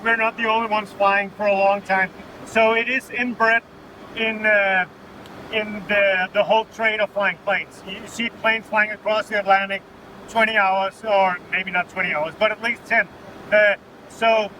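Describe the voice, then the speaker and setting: A man with a Danish accent explaining technical matters informally in an interview, matter-of-fact, as a pilot. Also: sits high. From Denmark. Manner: matter-of-fact, often adding "right?" as a tag. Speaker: military pilot being interviewed. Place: inside an aircraft cockpit in flight. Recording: loud vehicle drone behind the voice. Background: aircraft engine and air noise.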